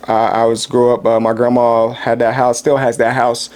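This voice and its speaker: A thirty-six-year-old man from Kansas City speaks as a guest in a relaxed interview. His voice sits at an ordinary pitch for a man, and he talks thoughtfully, pausing often as he finds his words. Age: 30s. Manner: thoughtful, pauses with "uh" and "um". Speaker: podcast guest, actor.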